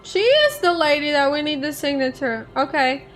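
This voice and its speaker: A woman with a high-pitched voice plays through a video game and comments casually as she goes. She reads the choices out and thinks aloud over faint music. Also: big pitch swings, moderate pace, fairly bright tone.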